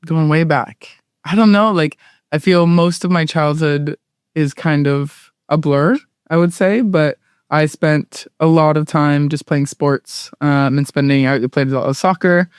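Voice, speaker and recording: This casual interview features a late-twenties guest from Southern California whose American-accented speech is chatty, full of "like" and "um," and punctuated by easy laughs. Their medium-pitched voice is unhurried, clear, and resonant, captured in a dry studio-quality recording.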